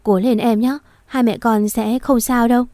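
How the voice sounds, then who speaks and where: A woman's voice: a little high, fairly even intonation, normal speed, warm tone, no room sound, clean studio sound, close to an everyday voice. A woman voicing a worried, tender young husband who reassures his wife in a storybook reading. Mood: anxious. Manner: anxious, reassuring.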